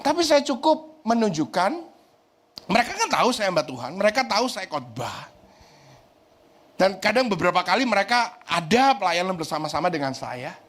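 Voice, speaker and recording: A man's voice: high voice, big pitch swings, moderate pace, fairly bright tone. A middle-aged man preaching as pastor in a chatty, joking sermon. He keeps asking the congregation "right?" and drops English phrases into his talk.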